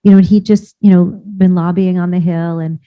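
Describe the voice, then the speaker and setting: A woman speaks at a conference in a casual, rambling way, tossing in fillers and restarting her sentences. Her voice is on the lower side. The recording is somewhat dull, as though the highs were cut off. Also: level tone, brisk. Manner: chatty, many fillers and restarts. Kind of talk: informal conference talk.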